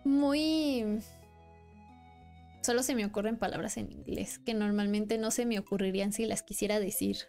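A young woman with a Mexican accent rambles casually while live-streaming a game, chatty and laughing often, with faint music in the background. Her voice is medium-pitched, slightly mellow and creaky, with a steady tone and moderate pace.

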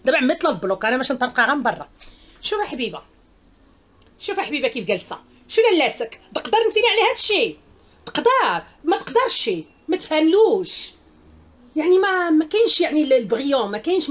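A woman with a Moroccan accent hosting a live stream, reading viewer comments and speaking out in an emphatic, outspoken way. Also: on the high side. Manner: outspoken and emphatic, with repeated exclamations.

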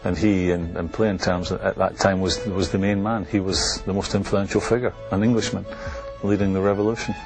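A man's voice: low-pitched, flat delivery, moderate pace, few pauses, over music, poor audio. An older man, a former football manager, recalling events in an interview, firm and emphatic. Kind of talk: interview recollection.

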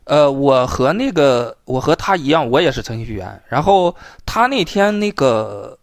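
A man's voice: mid-range voice, expressive, a little slow. A man who works as a programmer, calling into a livestream and explaining something hesitantly with many fillers. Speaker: caller, programmer. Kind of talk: casual explanation on a call.

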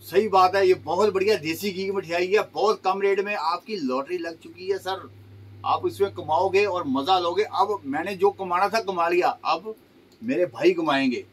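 High-voiced man with jokey sales patter. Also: moderate pace, fairly bright tone, husky, distant mic. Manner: jokey patter with food sayings, urging buyers to come. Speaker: shop seller. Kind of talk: sales pitch. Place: small clothing shop, sitting on floor.

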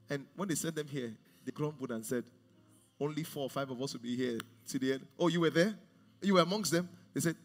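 A man in his forties preaching a sermon on a large church stage, swinging from hushed to loud. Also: a little high, big-room sound. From Nigeria. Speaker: pastor.

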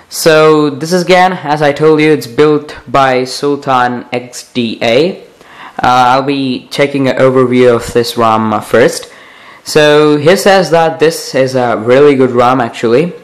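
A young man hosting a casual tech vlog, talking in a halting, rambling way with stretched pauses. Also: mid-range voice. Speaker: tech video host. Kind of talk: casual phone software overview vlog.

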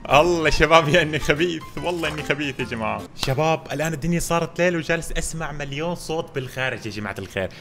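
Young male gamer streamer, rapid-fire excitable commentary with loud outbursts, slightly high voice, over background music. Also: creaky. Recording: music playing under the voice.

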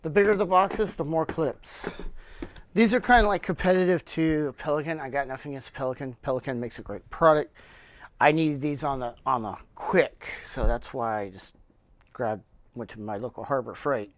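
Relaxed man narrating a dry gear demo. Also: medium pitch, normal speed, no room sound. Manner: relaxed, many fillers, frequent throat clearing. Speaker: channel host reviewing gear cases. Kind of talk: casual product show-and-tell. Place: indoor room with cloth backdrop, speaking off camera.

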